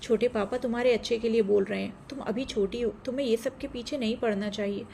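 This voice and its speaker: A woman voicing a caring young woman who consoles a crying girl gently, read in her own voice in an audio story. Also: fairly high pitch, steady tone, quick pace, gravelly, a little hiss or hum. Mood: consoling.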